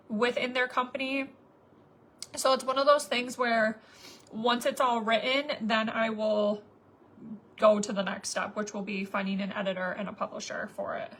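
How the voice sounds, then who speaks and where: Chatty woman in her thirties, higher voice. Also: pushed and bright, slight background noise. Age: 30s. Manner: chatty, rambling, many fillers. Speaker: makeup vlogger. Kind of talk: casual chat to viewers while doing makeup.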